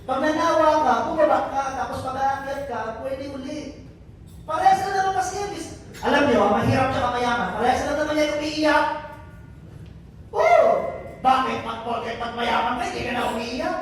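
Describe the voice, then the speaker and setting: Speaking briskly in a high, fairly bright voice, this business mentor and motivational speaker from Albay, Philippines, jokes with and teases a live audience, quizzing them again and again during his motivational speech. He is indoors in a very echoey event venue hall, picked up from far off with a little hiss or hum.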